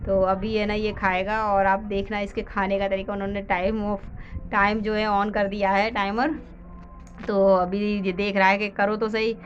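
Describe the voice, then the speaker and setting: A woman's voice: mid-range voice, little pitch movement, normal speed, highs cut off. A woman narrating a family vlog, walking through what happens step by step with lots of fillers. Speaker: family vlogger.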